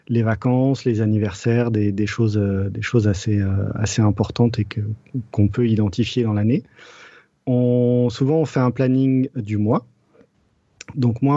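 Man, podcast co-host, mellow tone, hesitant step-by-step explaining, dry muffled audio. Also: medium pitch, no room sound. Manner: explains step by step with frequent "euh" and repeated words. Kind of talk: casual podcast chat, explaining a topic.

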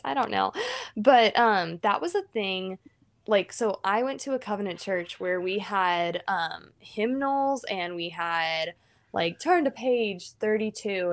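A woman's voice: medium pitch, vocal fry. A young woman co-hosting a podcast who leads worship, talking casually with many fillers and frequent laughs. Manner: chatty, lots of fillers, laughs often. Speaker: podcast co-host, worship leader.

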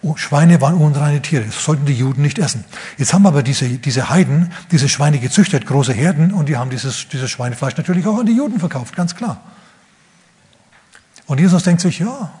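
A man preaching a sermon retells a Bible story vividly, briefly acting out its figures in quick asides. His voice is a little high, animated and mellow, with a breathy edge.

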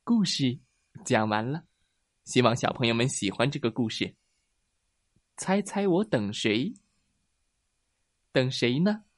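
A man narrating a children's bedtime story in a gentle, sing-song way. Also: mid-range voice, lively intonation, slow pace, long pauses, no room sound, clean studio sound.

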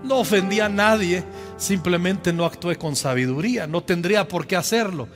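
A Mexican man in his fifties, a pastor telling a personal story in a sermon, lively and humorous, speaking directly to his congregation. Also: high voice, moderate pace. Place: church. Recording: echoey church hall with soft music behind.

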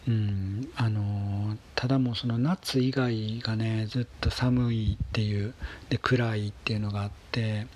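A man with a breathy, husky voice chatting casually about daily life in a halting, unhurried monologue, phrases trailing off softly. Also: lowish voice, steady tone, a little hiss or hum.

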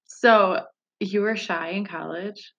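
A woman's voice: medium pitch, takes it slowly, fairly bright tone. A young woman with a Michigan accent, hosting a podcast in casual, candid, jokey chat. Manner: candid, jokey, laughs often. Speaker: podcast host.

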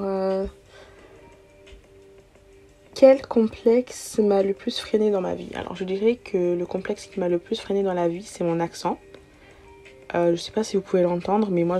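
This podcast host is a woman in her early twenties with a dark-toned, mid-range voice, answering self-introduction questions on her casual solo show. Born outside France, she moved there as a young child, isn't a native French speaker, and talks informally with slang and a few English words.

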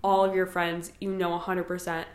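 A woman's voice: lowish voice, flat delivery, normal speed. A woman in her twenties, co-hosting a casual podcast chat in an earnest, reassuring way. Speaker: podcast co-host. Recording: roomy echoey room.

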